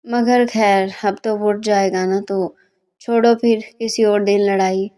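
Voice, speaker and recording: A fiery young female student, put on by a woman narrator nags and scolds with impatience in a storybook reading. The voice is soft and mellow despite the temper. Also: medium pitch, fairly even intonation, a little slow, close to an everyday voice. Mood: impatient.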